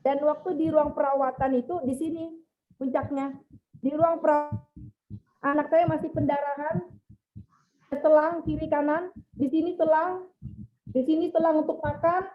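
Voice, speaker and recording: High-voiced woman giving an earnest testimony. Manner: earnest, emotional, addresses listeners as saudara. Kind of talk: emotional testimony. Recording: tinny phone-like sound.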